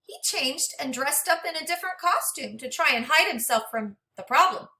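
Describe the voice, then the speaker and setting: A teacher reads a picture book aloud to children, high-pitched and very animated, with a dramatic, teacherly style at a moderate pace. She switches between narrating and asking her young listeners questions directly. The microphone is distant and the room clearly echoes.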